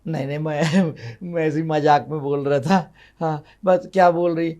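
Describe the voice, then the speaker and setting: A man's voice: on the high side, steady tone, dark tone, close to an everyday voice. A man with a Hyderabadi accent voicing a harried, patient husband who keeps soothing his sick wife. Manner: soothing, hurried.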